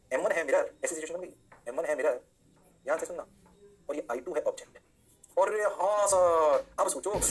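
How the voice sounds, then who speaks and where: A man teaching an energetic physics lecture, often answering his own questions in a student's voice. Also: sits high. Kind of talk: online lecture.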